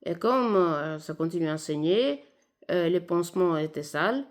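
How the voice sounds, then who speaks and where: A woman from Italy, a native Italian speaker with an Italian accent in French, giving informal spoken commentary in a halting way as she searches for words. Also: on the low side, lively intonation. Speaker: video commentator.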